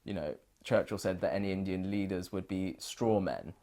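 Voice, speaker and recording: Being interviewed for an oral history, a British man from the United Kingdom speaks in a very deep, low voice with a dark tone. He's earnest and reflective, often pausing and restarting sentences as he thinks out loud.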